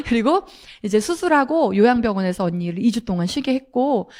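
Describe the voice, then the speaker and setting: A woman's voice: a little high, expressive, normal speed, a little mellow. A middle-aged woman telling a personal story to an audience, acting out quoted lines with animation. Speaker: speaker at a sales seminar.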